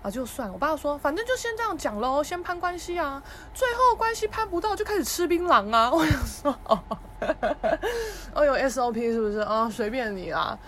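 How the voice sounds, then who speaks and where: A woman's voice: high voice, very animated, normal speed, fairly bright tone, slight background noise. A young woman with a Taiwanese Mandarin accent tells family stories in a casual podcast monologue. She acts out her relatives' voices and laughs often. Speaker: podcast host.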